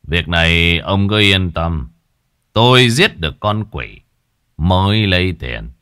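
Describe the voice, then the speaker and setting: A man voicing a calm, self-assured exorcist master who speaks in a slow, measured, authoritative way. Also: sits low, clear, resonant tone, no echo, studio quality, full character voice.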